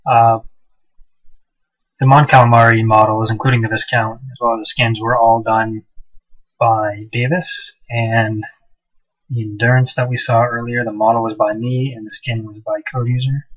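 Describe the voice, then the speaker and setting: At a normal speed and in a mid-range voice, a man who develops game mods chats loosely over his gameplay, with plenty of "uh"s and restarts. An old budget mic muffles him into a hollow sound, as if he were down a well.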